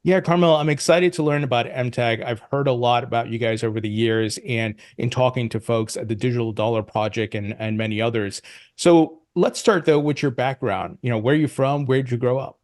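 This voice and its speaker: A man's voice: mid-range voice, brisk, a little mellow, dry recording, clean studio sound. A man hosting a podcast, reading a sponsor message and asking friendly, upbeat questions. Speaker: podcast host. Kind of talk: podcast interviewing and sponsor read.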